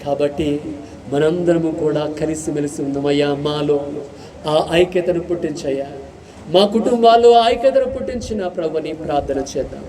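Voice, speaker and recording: A man preaching and then leading his congregation in prayer, fervent and repetitive, with his pleas rising loud. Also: fairly high pitch, fairly quick, a crowd in the background. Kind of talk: sermon and led prayer. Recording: distant mic with congregation audible.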